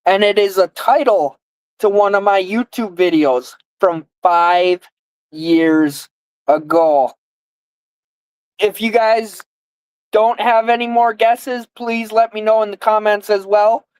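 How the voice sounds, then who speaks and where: Young woman streamer, slow chatty game host, slurry lispy mouth guard speech, dry close sound. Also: mid-range voice, steady tone, a little mellow, clean tone, no echo, low-quality recording. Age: 20s. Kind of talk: casual live game-show chat.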